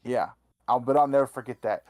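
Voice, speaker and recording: A man's voice: mid-range voice, fairly quick. A man co-hosting a sports podcast, teasingly retelling stories about his friend. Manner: teasing, animated anecdote-telling. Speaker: podcast co-host. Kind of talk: casual sports chat.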